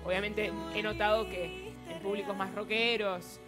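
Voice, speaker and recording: A young Argentine singer-songwriter chats casually in a TV studio interview, speaking through a headset mic over loud music. Her mid-range voice is steady and normally paced, with easy laughs and hesitant fillers.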